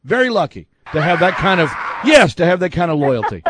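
A man's voice: high voice, big pitch swings, a little fast, background noise. A man hosting a call-in sports radio show, talking in an emphatic, teasing, opinionated way from a studio.

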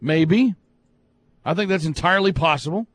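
Man hosting call-in sports talk; opinionated, ribbing the caller, higher-pitched delivery, close and dry. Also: normal speed, no echo. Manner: emphatic, teasing, opinionated. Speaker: sports radio host.

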